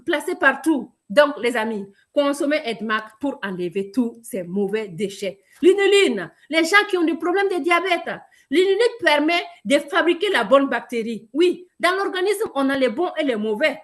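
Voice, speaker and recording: A woman from Burkina Faso giving a lively, emphatic sales training talk, addressing her listeners directly. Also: high voice, moderate pace, few pauses. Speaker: product presenter.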